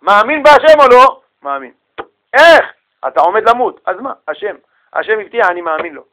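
Animated high-voiced man teaching a class. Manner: animated, questions the class and answers in quick bursts. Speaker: rabbi teaching a Torah class. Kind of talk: lively lecture with rhetorical questions.

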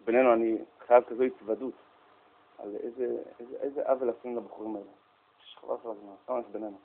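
A man giving a humorous storytelling talk, animated and jokey, speaking straight to his listeners. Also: medium pitch. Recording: tinny phone-like sound.

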